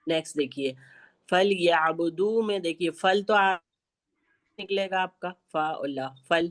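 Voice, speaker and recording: A lower-voiced woman with an Indian Urdu accent leads an online recitation class. She explains each sound patiently and says it slowly so students can echo it back. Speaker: Quran recitation teacher.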